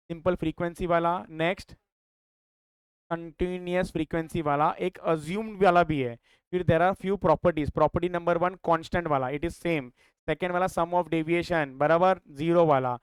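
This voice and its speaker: A man with an Indian accent teaching a maths class, quizzing his students with quick questions. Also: fairly high pitch, clean tone, dry recording, studio quality. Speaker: maths tutor. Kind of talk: classroom lecture.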